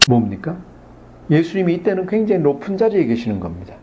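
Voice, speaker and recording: A pastor preaching a Sunday sermon, asking his congregation questions and acting out the blind men's cries and the crowd's hushing. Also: on the high side, big pitch swings, quick pace, muffled recording, background noise. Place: church sanctuary.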